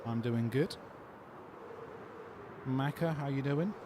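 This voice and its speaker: A man's voice: mid-range voice, takes it slowly, background noise. A man with a London accent chatting casually on a gaming livestream, answering viewer questions in a laid-back way. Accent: London English. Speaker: gaming streamer.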